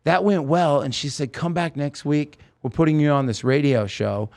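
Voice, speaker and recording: A guest musician in a casual interview tells a long backstage story, animated and acting out the voices of the people he quotes. His voice is gravelly and a little high, at a moderate pace.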